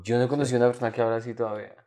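A man hosting a podcast, chatting casually and teasing his guest with quick interjections. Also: medium pitch, little pitch movement, mellow. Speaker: podcast host.

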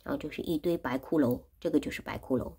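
A woman teaching Chinese retells a classic story in simple words, repeating and explaining each phrase as a storytelling lesson. Her voice is extremely low, fast, mellow and slightly rough.

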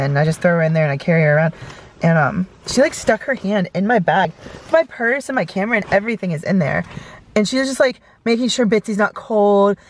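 A woman's voice: fairly low pitch, a little hiss or hum. A woman in her thirties, chatting casually into a camera from inside her car, rambling with lots of fillers. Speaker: vlogger. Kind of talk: casual storytelling. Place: inside a parked car at night. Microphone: camera close in front.

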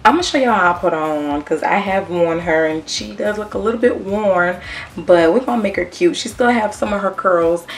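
A woman's voice: mid-range voice, brisk, recorded from a distance, a little hiss or hum. A woman vlogger, chatting casually to viewers through a wig tutorial, with peppermint in her mouth. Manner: chatty, addresses viewers as y'all. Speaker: beauty vlogger.

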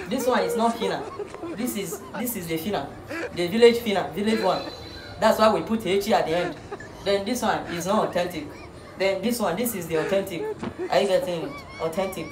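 A woman giving a joking spelling lesson, playful and repetitive, laughing often. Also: medium pitch. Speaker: comic host. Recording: roomy echo.

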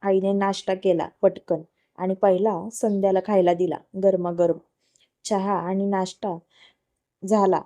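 A woman narrating a romance story in a steady, plain storytelling manner. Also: mid-range voice, a little slow.

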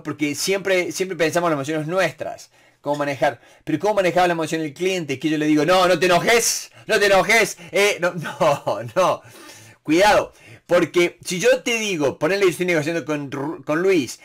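A man with a Rioplatense Spanish accent, answering viewer questions about negotiation in a casual live talk, full of "este" fillers and quoted lines he acts out. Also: fairly high pitch.

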